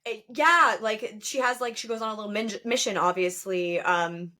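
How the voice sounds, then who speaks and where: A woman's voice: medium pitch, normal speed, bright, forceful tone. A woman in her thirties co-hosting a casual podcast, chatty and full of "like" fillers. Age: 30s. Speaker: podcast co-host. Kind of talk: casual horror movie chat.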